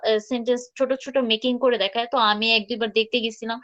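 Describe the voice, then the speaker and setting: A woman teaching English pronunciation in a live online class, chatting casually and repeating words slowly for students to copy. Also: on the high side, flat delivery, fairly bright tone, highs cut off.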